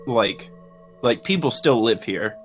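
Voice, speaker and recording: A man's voice: medium pitch, animated, slow pace, soft background music. Hesitant young man at a game table. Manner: hesitant, apologetic. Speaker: player. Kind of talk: casual tabletop play.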